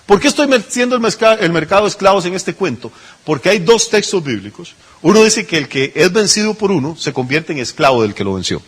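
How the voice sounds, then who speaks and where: A man's voice: high-pitched, sing-song, fairly quick, husky. A male pastor, preaching a sermon in a conversational way, full of rhetorical questions and little acted-out asides.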